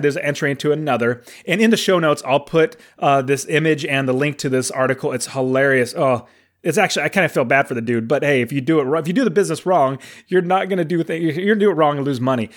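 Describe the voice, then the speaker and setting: A man of forty hosting his podcast, talking in an enthusiastic, encouraging way, with some fillers and restarts. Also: on the high side. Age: 40s. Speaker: podcast host. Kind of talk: upbeat podcast monologue.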